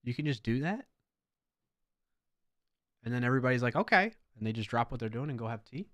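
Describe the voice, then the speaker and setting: A livestream host codes live while chatting casually with viewers and rambling between tasks. His medium-pitched voice is brisk, there's no echo, and he talks to chat with plenty of rambling asides.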